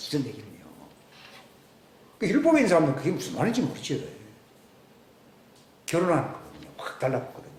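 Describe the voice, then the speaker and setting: Male pastor, 60s; sermon delivery with loud questions and hushed asides, echoey sanctuary. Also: medium pitch. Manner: swings between loud emphatic questions and hushed near-whispers. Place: church sanctuary. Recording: echoey church room with faint background hiss.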